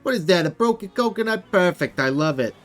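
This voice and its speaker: A man voicing a brash, fast-talking male hat photographer who flatters everyone and calls them baby, in a video game. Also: high voice, faint music behind, voice pushed up. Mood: pushy flattering.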